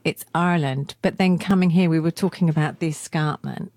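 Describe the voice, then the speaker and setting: A woman's voice: low voice, steady tone, brisk, darkish tone, no echo. A middle-aged woman from England hosting a radio show, chatting eagerly with a guest and often jumping in. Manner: chatty, enthusiastic, jumps in. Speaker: radio host. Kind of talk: casual interview chat.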